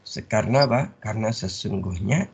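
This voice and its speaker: A man teaching a religious study class. He pauses mid-word so the audience can finish it. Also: on the low side, gravelly, slightly rough. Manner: call-and-response, leaves words half-said for the audience to finish. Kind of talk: Islamic study lecture. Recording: dull lo-fi recording.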